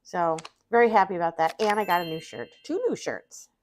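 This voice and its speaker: Her voice sits on the low side and runs a little fast, with a bit of hiss or hum in the audio. She's a middle-aged streamer, tired and sniffly after vaccines, casually rambling about her day to chat over a game of solitaire and putting herself down along the way.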